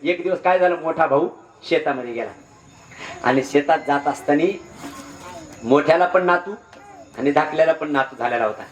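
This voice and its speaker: A man delivers a devotional sermon as a lively storyteller. His voice sits a little high and rings around an echoey venue. He slips into the voices of the people in his tale. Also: moderate pace, long pauses. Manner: animated storytelling, acting out characters' voices. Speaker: kirtan preacher.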